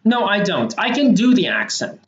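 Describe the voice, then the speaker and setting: Rambly streamer chilling live, lots of ums, bouncy pitch, echoey room. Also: sing-song, normal speed. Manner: rambling, hesitant, many fillers. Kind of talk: casual livestream chat while role-playing. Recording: roomy, dull sound with soft music underneath. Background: game soundtrack music.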